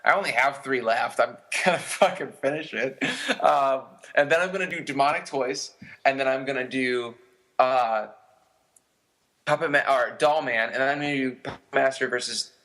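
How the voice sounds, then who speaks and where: Co-host, male, mid pitch, bright forceful tone, rambling and profane. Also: normal speed. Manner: rambling, swearing, self-correcting. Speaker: podcast co-host. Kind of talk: casual chat.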